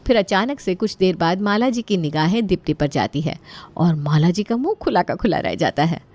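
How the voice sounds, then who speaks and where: A woman narrating a comic bedtime story in a lively, playful way. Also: lowish voice, normal speed.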